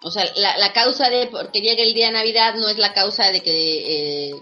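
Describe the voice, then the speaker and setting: A woman's voice: mid-range voice, fairly quick, highs cut off, soft background music. A woman, hosting a quiz and explaining spelling patiently with many fillers. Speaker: host leading a spelling quiz. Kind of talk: teasing quiz-style explanation.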